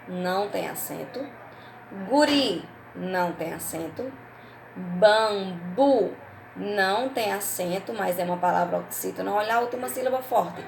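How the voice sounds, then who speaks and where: A woman teaches young children from an echoey room, with a faint hum behind her. She calls herself by name in the third person. She says each example word slowly and with strong stress. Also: mid-range voice, vocal fry. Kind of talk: remote lesson for young children.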